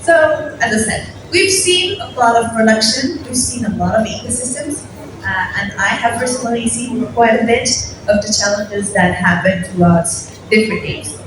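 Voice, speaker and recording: A woman's voice: on the high side, normal speed. A young woman from Morocco giving a casual, self-deprecating conference talk to an audience. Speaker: conference speaker. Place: large hall at a conference. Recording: echoey hall from far off, noisy.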